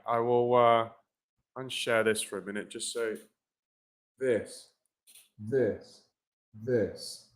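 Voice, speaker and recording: A man's voice: medium pitch, a bit bright, smooth. A man teaching English pronunciation in a live-streamed lesson, talking informally and often checking in with "right?" and "guys" between fillers.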